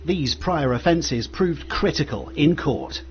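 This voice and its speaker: A man reading scripted true-crime narration in a steady, factual way. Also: a little high, slow pace, dull audio, slight background noise. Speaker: documentary narrator.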